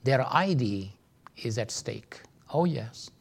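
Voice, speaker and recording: A man's voice: mid-range voice, expressive, slow pace, creaky. A man with a Pakistani accent teaching a seminar like a preacher, earnest and emphatic. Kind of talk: teaching seminar with sermon-like exhortation.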